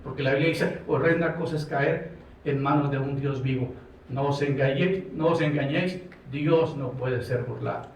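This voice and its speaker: A man's voice: mid-range voice, moderate pace, a little hiss or hum. A man from Colombia with a Colombian Spanish accent, preaching a sermon as a pastor with impassioned delivery, acting out dialogue. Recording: echoey room from far off.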